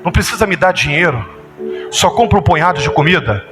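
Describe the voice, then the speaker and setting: A man's voice: high-pitched, animated, brisk, pitched below the performer's own voice. A Brazilian man voicing a genuinely hungry man humbly pleading for a plate of food. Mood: humble. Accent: Brazilian Portuguese. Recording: echoey church hall with music.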